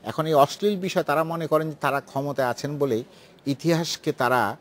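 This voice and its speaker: A man speaking as a guest on a political talk show, lively and full of restarts and asides. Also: a little high, normal speed. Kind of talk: animated studio discussion.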